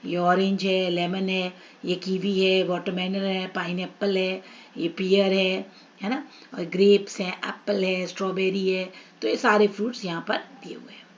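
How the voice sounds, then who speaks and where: A woman's voice: mid-range voice, highs cut off, a little hiss or hum. A woman teaching English to children in an online lesson, asking questions and answering them herself.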